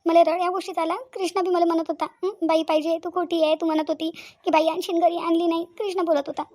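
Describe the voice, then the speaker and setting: A woman's voice: very high-pitched, flat delivery, quick pace, darkish tone. Woman voicing a tearful young wife with a Vidarbha accent. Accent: Vidarbha Marathi. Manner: pleading, sobbing. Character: young married woman, tearful, longing for a daughter. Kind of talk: cartoon voice acting.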